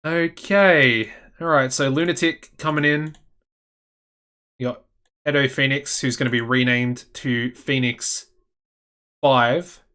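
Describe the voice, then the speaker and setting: An Australian man chatting casually as he plays a management game, thinking aloud and getting excitable. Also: medium pitch, measured pace, pauses often. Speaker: gaming channel host.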